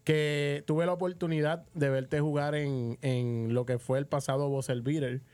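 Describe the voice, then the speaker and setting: Inside a radio booth, a man with a Puerto Rican accent hosts a casual sports interview, chatty and often repeating words while he finds his phrasing. His voice is a little high, flat, somewhat slow, darkish and smooth.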